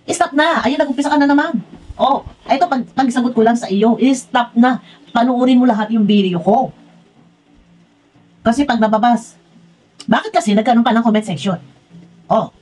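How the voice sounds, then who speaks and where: A woman's voice: fairly high pitch, a little mellow, low-quality recording. A woman ranting in a reaction vlog, exasperated and scolding, firing off one rhetorical question after another. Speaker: vlogger.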